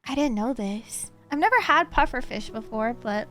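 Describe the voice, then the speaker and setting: High, lively American woman, cute streamer manner. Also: normal speed, soft background music. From United States (California). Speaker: streamer reacting to a video. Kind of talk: casual live reaction chat.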